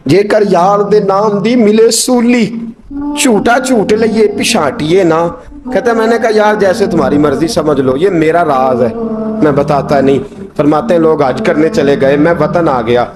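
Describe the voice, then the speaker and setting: A middle-aged man preaching a sermon that tells an old story, acting out its people and breaking into sung verse. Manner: impassioned, rising to high pitched cries.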